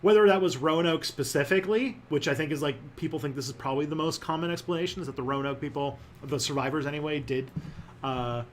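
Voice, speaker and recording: A man's voice: on the high side, quick pace. A man hosts a casual live chat in a slightly raised voice, talking in a jokey, rambling way full of fillers. Faint noise hums behind him. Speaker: host.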